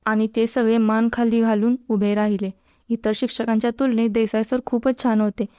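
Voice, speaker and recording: A woman narrating a story in a steady storybook reading style, voicing every character herself. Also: a little high, normal speed, smooth, dry recording, studio quality.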